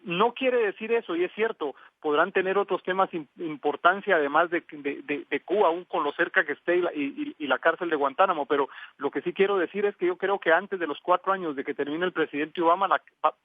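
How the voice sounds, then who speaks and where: A man answering as a security expert in a news interview, measured and hesitant with fillers. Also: on the high side, no echo. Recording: tinny phone line, dry.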